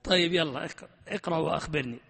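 Teacher guy in a classroom, high voice, lively and pushy, echoey hall. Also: very fast, vocal fry, breathy edge. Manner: animated, emphatic, keeps quizzing the class. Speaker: Arabic grammar teacher. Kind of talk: classroom lesson.

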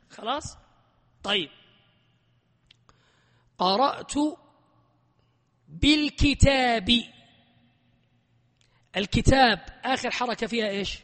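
A man teaching a grammar lesson, animated and emphatic, who keeps quizzing his class. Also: sits high, normal speed, pauses often, in a large hall.

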